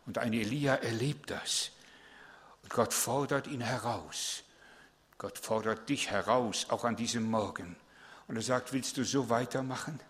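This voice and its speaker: A man's voice: on the low side, measured pace, a bit bright, long reverb tail. Emphatic male pastor preaching in a church. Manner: emphatic, with repeated words and rhetorical questions. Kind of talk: sermon.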